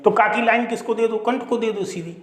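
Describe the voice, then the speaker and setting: A man's voice: extremely high pitch, fairly even intonation, brisk, reverberant. A male Hindi teacher giving a classroom grammar lecture, explaining step by step and asking and answering his own questions. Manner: explanatory, repeats key points, asks and answers own questions.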